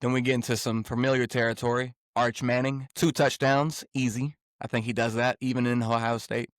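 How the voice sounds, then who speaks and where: A man's voice: medium pitch, flat delivery, a little fast, no room sound, clean studio sound. A man co-hosting a sports podcast, talking through betting picks in a laid-back, rambling way. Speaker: podcast co-host. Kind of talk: casual sports-betting chat.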